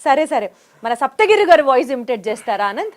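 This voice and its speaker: A woman's voice: sits high, big pitch swings, quick pace. A woman hosting an interview, asking questions in a playful, chatty way. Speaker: interview host. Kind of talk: casual interview chat.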